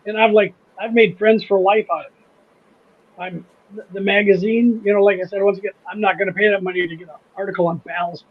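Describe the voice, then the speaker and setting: A man's voice: sits high, steady tone, a little fast, narrow, tinny audio. A man with a Midwestern accent hosting a casual livestream chat, rambling, restarting sentences and laughing easily. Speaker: host of a model railroad channel.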